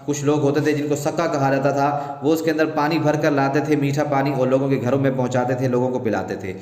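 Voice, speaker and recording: A man's voice: medium pitch, fairly even intonation, darkish tone. A male Urdu teacher lecturing to students, explaining and defining words, recorded in an echoey room. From Pakistan. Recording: echoey room, long reverb.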